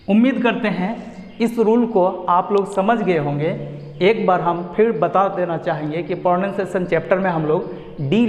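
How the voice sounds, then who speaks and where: A man teaching an English pronunciation lesson, spelling letters out and repeating each word slowly. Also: sits high, a little mellow, muffled recording. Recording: echoey room with long reverb.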